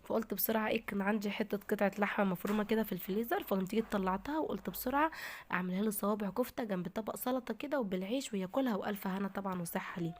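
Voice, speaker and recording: A woman's voice: medium pitch, rapid-fire. A woman with an Egyptian Arabic accent, chatting casually to her viewers in a daily vlog. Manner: chatty, talks straight to viewers. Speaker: vlogger.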